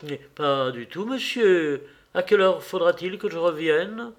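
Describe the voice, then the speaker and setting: A man's voice: high-pitched, expressive, a little slow, voice pushed up. Man voicing dutiful household servant, deferential, polite, audiobook reading.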